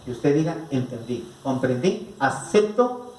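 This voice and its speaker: A man's voice: mid-range voice, big pitch swings, measured pace, darkish tone. Colombian man lecturing in an echoey hall. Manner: rhetorical, asks the audience questions, repeats "¿no es cierto?". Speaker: psychologist giving a family conference. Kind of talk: lecture to a live audience. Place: rural venue with an audience. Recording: echoey room picked up from a distance.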